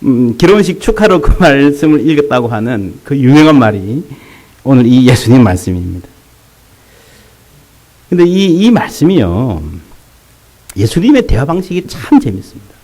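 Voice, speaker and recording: A man's voice: mid-range voice, normal speed, pauses often, rough recording. A man preaching a sermon as a pastor, talking directly to the congregation, mixing jokes with emphatic points. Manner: lively, rising to emphatic peaks, with jokes and asides to the congregation.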